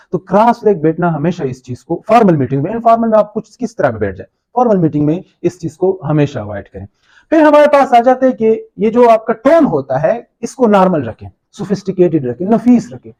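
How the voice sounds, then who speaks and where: Young Pakistani man as a workshop trainer, high pitch, soft dark tone, slips English into his talk. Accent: Pakistani Urdu. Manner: checks in with the audience often. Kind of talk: workshop lecture.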